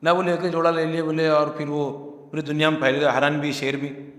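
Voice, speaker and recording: A man's voice: fairly high pitch, little pitch movement, fairly bright tone. A man preaching a Quranic commentary in speech, earnest and emphatic, asking rhetorical questions. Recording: echoey hall.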